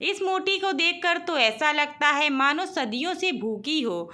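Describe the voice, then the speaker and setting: A woman voicing a male street samosa seller in a storybook tale, brisk and insistent. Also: high-pitched, animated, sharp tone, heavily acted. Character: grown man, street samosa seller, pushy.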